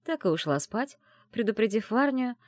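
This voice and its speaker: A woman reading a first-person story aloud as an audiobook, telling it in an emotional, expressive way. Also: fairly high pitch, moderate pace, dry recording, clean studio sound. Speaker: audiobook reader. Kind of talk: scripted first-person narration.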